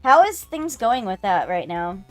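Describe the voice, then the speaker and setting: A woman's voice: medium pitch, big pitch swings, unhurried. A woman live streamer chatting casually with viewers and commenting on the game she plays. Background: game music.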